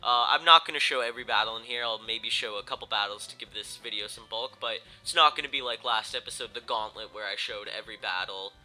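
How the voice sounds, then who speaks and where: Talking quickly with hardly a pause, a young YouTuber with a congested, cold-stuffed nose delivers casual Let's Play commentary in a lowish, bright, forceful voice. The low-quality recording also carries game music, and he rambles with many ums and self-corrections.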